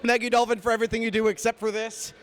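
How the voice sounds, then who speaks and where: A man hosting a live gaming tournament on stage with a handheld mic, joking and excitable, with loose, filler-heavy talk. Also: very high voice, rapid-fire. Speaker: event host. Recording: live event with crowd noise. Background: cheering crowd.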